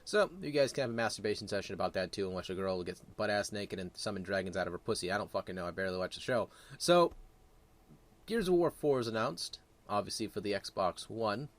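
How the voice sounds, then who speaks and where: A man's voice: fairly low pitch, quick pace. A man giving casual, opinionated gaming commentary in a crude, blunt, rambling way, often correcting himself. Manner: rambling, self-correcting delivery.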